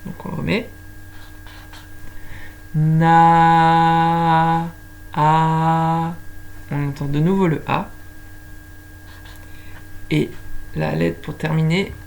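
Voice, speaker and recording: A woman's voice: low-pitched, measured pace, vocal fry, long pauses, darkish tone, slight background noise. A woman teaching young children to spell by sound, patiently stretching out each syllable. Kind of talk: slow phonics lesson for young children.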